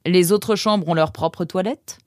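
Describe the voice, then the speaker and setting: Un renard mâle de livre audio, grande gueule et autoritaire, joué par une femme. Il lance ses répliques fort, avec une moquerie constante et une voix grave. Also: female voice, on the low side, unhurried, no room sound, clean studio sound, natural voice. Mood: mocking. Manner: loud, blunt, mocking. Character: male fox, brash, tactless, bossy.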